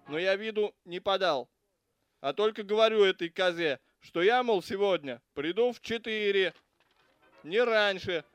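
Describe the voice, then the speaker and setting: High-voiced and crude, this is a foul-mouthed cop, read by a man who rants and swears without pause. Faint music plays beneath the audiobook reading. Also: a bit bright, clean tone, no room sound. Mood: angry. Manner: crude, ranting, cursing. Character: foul-mouthed grudging adult male cop.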